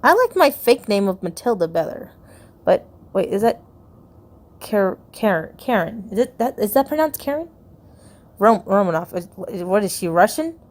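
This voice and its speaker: A woman giving casual, giggly commentary while browsing a video game's hidden files. She reacts out loud and stumbles as she reads. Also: medium pitch. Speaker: video game YouTuber.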